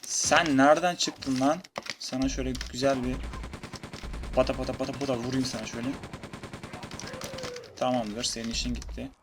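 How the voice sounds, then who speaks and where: A man commentating his own playthrough of a shooter game in a casual, chatty way, taunting enemies and breaking into excited shouts. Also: medium pitch, moderate pace, long pauses. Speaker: gamer playing through a retro shooter. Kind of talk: casual let's-play commentary. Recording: noisy, game gunfire behind. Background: video game gunfire and keyboard clicks.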